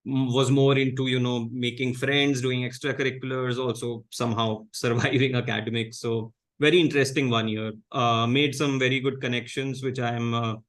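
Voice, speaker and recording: Low-key Indian man, measured chat. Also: level tone, a bit bright. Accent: Indian English. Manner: measured, low-key, many fillers and restarts. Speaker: guest comedian. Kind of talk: casual interview chat.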